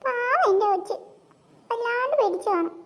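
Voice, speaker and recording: A woman's voice: very high-pitched, expressive, normal speed, a little hiss or hum. A woman voicing a caring cartoon mother who frets and dotes over her children. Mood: doting. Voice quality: fretting, doting. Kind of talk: Malayalam cartoon dubbing.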